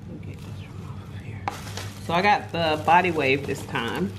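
A woman's voice: deep voice, moderate pace, noisy background. A young adult woman vlogging at home, chatting enthusiastically to her viewers as she shows off a wig. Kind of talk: casual product review vlog. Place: home kitchen and living room.

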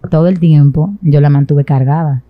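As an interview guest, a young adult woman from the Dominican Republic recounts her own story in a Dominican accent. Her voice sits low with fairly even intonation at a moderate pace. A boom-arm mic near her mouth on a small sofa studio set gives narrow, tinny audio without echo.

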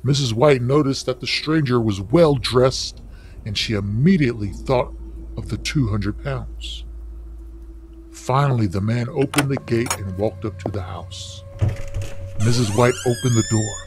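Slow, careful male story reader. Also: mid-range voice, a little mellow, slight background noise. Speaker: narrator. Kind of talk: reading a story aloud for learners.

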